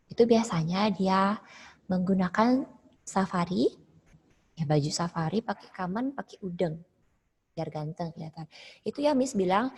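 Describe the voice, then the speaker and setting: Lady teacher doing an online class, kinda breathy, long echo tail on her voice. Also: medium pitch, darkish tone. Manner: explains step by step, asks "ya" often.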